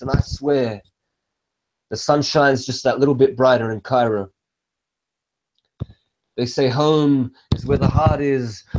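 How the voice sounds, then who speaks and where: A man's voice: medium pitch, darkish tone, slight background noise. A young man from Egypt performing spoken word poetry on a video call from a small room at home, with a rhythmic, rhyming delivery. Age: young adult. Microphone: laptop webcam on video call. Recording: dull lo-fi video call audio.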